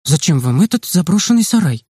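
A man's voice: high-pitched, level tone, a little fast, darkish tone, no echo, clean studio sound, pitched above the performer's own voice, natural voice. A man reading aloud voices a female camp nurse who scolds the boys and then explains things patiently. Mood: puzzled.

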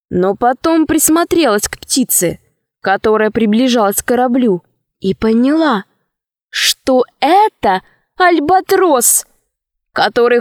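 A woman narrating a children's audiobook story in a calm, measured reading voice. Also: fairly high pitch, no echo, clean studio sound.

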